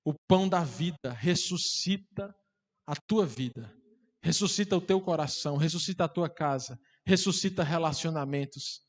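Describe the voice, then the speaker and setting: A man preaches with fervor, his voice pitched high for a man. The sound carries a long reverb from the church hall. He swells into loud, impassioned climaxes. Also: moderate pace. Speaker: pastor. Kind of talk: sermon.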